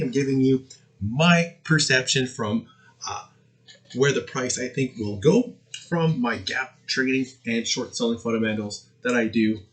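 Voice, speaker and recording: A man's voice: medium pitch, a bit bright, low-quality recording. A man hosting a trading channel, giving casual chart commentary in a crypto-bro manner, mixing hype with hedging.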